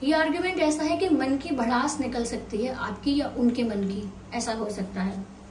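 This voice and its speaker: A woman giving a tarot reading to viewers, mixing Hindi and at an unhurried pace, her throat slightly sore. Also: sits high, darkish tone. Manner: unhurried, mixing Hindi and English, thinking aloud. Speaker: tarot reader. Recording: roomy sound, mic at a distance, faint hiss.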